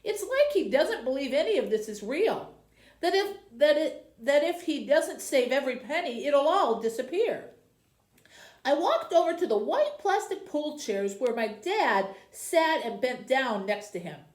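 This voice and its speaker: A woman with a high voice reads a children's novel aloud as a library host, then turns to speak to her young viewers. She tells the story expressively, her pitch rising and falling at a measured pace. The indoor space sounds roomy, with clear echo around her words.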